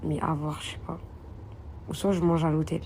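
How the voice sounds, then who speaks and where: In a casual phone vlog shot in a hotel room, a young woman's low, slightly mellow voice keeps a level tone at a moderate pace, with slight background noise. She rambles on to her viewers, addressing them as princesses and girls.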